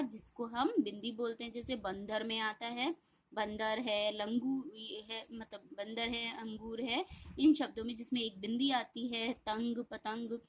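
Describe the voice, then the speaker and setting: Woman teacher, high voice, patient grammar lesson with self-answered questions. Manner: explains slowly, repeats terms, asks and answers her own questions. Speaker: school teacher. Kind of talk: online Hindi grammar lesson.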